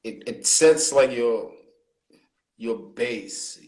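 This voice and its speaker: A man's voice: medium pitch, extremely slow, a little mellow, echoey room, low-quality recording. A South African man, a hip hop artist, talking thoughtfully in a casual interview over a video call. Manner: reflective, thoughtful, many fillers. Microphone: laptop or phone on a video call.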